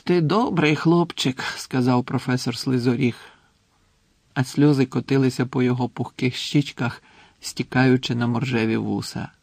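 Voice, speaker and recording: A man reading an audiobook in a steady, measured storytelling manner on a close mic. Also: mid-range voice, creaky, dry recording. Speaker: audiobook narrator.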